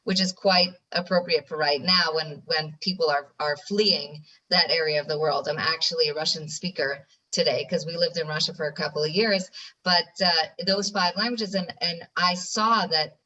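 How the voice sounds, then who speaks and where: A New York woman, an ADHD educator appearing as a guest on a podcast interview, tells her story earnestly in a bright, forceful voice set a little low. She often restarts her phrases and sits a bit back from the mic, so the recording sounds distant and rough.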